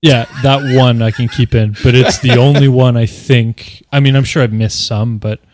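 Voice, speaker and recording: A man in casual conversation, speaking deliberately with small pauses inside his sentences. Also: mid-range voice, steady tone, darkish tone, a little hiss or hum. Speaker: podcast cast member and audio editor. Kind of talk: casual chat.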